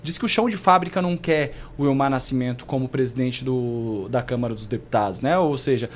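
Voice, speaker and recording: A man's voice: medium pitch, a little fast. A man from Brazil explaining party politics on a panel show, with hesitant restarts. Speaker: political commentator.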